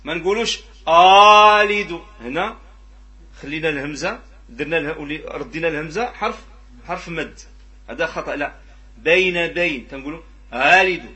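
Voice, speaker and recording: A man with a Moroccan Arabic accent teaching a tajweed lesson, asking the students questions and repeating pronunciation examples in a drawn-out way. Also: fairly high pitch, lively intonation, pushed and bright. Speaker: Quran recitation teacher.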